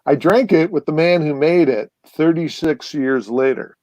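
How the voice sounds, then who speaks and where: A man's voice: a little high, measured pace, a little mellow, no echo. A man appearing as a guest, telling long stories in a casual, rambling way with many fillers and restarts. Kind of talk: casual storytelling chat.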